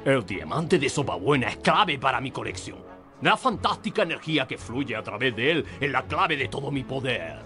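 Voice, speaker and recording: A man's voice: medium pitch, sing-song, moderate pace, pushed and bright. A theatrical mustache-twirling pirate king villain, castilian spanish, video game, swoopy delivery, bit of music. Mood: smug, scheming. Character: grandiose male villain, pirate smuggler king.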